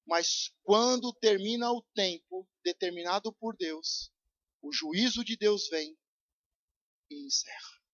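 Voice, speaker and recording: A male pastor preaching a fiery sermon at a church service, swinging from shouted urgent pleas to low intense tones, with a São Paulo Brazilian accent. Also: slow pace, highs cut off. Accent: Brazilian Portuguese, São Paulo.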